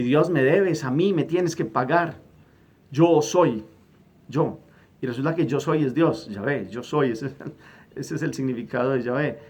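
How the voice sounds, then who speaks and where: A middle-aged man preaching a gospel homily as a priest, emphatic and repeating words as he searches for phrasing. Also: mid-range voice. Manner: acts out quoted prayers with a raised, louder voice.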